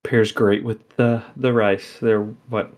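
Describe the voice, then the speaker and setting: A man co-hosting a casual podcast, talking in an easygoing, agreeable way with quick asides. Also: lowish voice, level tone, a little mellow. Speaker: podcast co-host. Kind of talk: casual chat.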